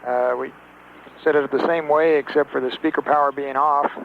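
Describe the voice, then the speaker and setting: A man at mission control talking to a spacecraft crew over a narrow-band radio transmission, in clipped, halting radio procedure with many fillers. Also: fairly high pitch, fairly even intonation. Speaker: mission control capsule communicator. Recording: tinny radio link with faint hiss.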